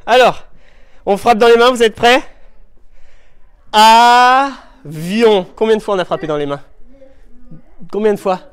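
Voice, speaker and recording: A man teaching young children in a classroom, speaking slowly and patiently through a face mask and sounding out letters. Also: sits high, lively intonation, smooth. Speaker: primary school teacher. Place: school classroom. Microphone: handheld mic held by a pupil.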